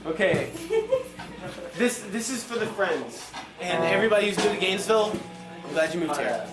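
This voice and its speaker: A man with a high voice gives loose, profane stage banter as a punk singer between songs. He rambles informally through a PA in a small, echoey venue, with music sounds behind him. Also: lively intonation, moderate pace. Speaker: punk band singer addressing the audience. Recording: echoey live room recording, distant PA sound.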